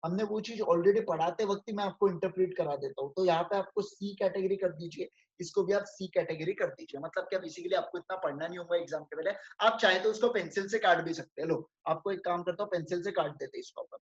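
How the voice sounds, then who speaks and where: A high-pitched Indian man giving a classroom lecture. He reads English definitions slowly, then explains them in casual Hindi and keeps asking his students questions. The recording sounds slightly dull and muffled. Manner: addresses students as friends. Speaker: chartered accountancy lecturer.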